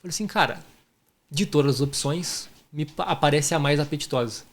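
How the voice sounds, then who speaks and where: Brisk and on the high side, a male podcast host from southern Brazil's Rio Grande do Sul speaks with a gaúcho accent. This entrepreneur keeps things effusive and informal, addressing listeners with affection.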